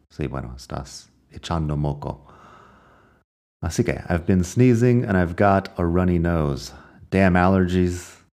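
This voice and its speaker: A man with a very deep voice teaches English at an unhurried pace. He reads his English examples twice in an American accent and explains them patiently. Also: darkish tone. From United States. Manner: explains phrases slowly, reading each English example twice. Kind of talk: language lesson narration.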